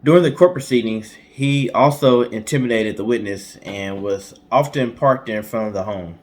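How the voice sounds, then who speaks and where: A man of medium pitch, speaking at normal speed, co-hosts a storytime guessing-game show. Working from notes, he tells a story informally and colloquially, with casual asides and banter.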